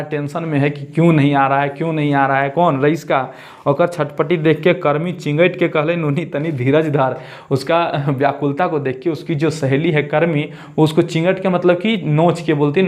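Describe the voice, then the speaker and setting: A male teacher explains a story, repeating lines and asking and answering his own questions. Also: on the high side.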